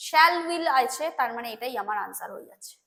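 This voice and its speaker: A woman's voice: high voice, animated, fairly quick, gravelly, fairly bright tone. A woman with a Bengali accent teaching English grammar for an exam, explaining patiently, repeating points and often checking that students understand. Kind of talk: exam-prep grammar lesson.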